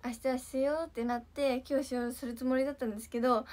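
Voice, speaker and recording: A young woman with a bright, high-pitched voice. She chats casually and giggles often, reacting to viewer comments with quick, bubbly surprise. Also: steady tone. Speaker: idol livestream host. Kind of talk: casual livestream chat reading viewer comments.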